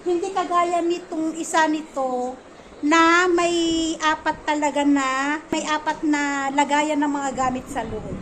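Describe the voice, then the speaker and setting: A woman's voice: high-pitched, fairly even intonation, unhurried, fairly bright tone. A woman vlogger at home, rambling through a gossipy story in a casual, chatty way and repeating herself. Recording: noisy home recording.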